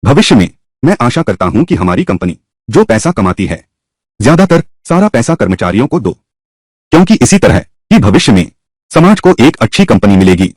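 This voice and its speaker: A man's voice: mid-range voice, moderate pace, no room sound. A man voicing a self-assured young entrepreneur. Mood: confident. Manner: assured, calmly persuasive. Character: confident young male restaurant entrepreneur. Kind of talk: Hindi drama dub.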